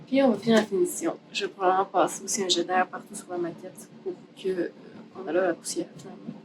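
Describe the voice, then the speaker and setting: This woman's voice sits on the low side, fast and fairly even in intonation, over a noisy background and background music. She's a craft artist with a Québécois French accent hosting an informal making-of vlog in her art workshop, thinking aloud and mixing some English into her explanations.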